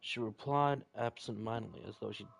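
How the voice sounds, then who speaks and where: Speaking briskly with a fairly low pitch and some vocal fry, this man is doing a chatty, informal playthrough of a visual novel, reading it aloud and wandering off a bit as he goes. Music runs underneath, and there's a slight amount of background noise.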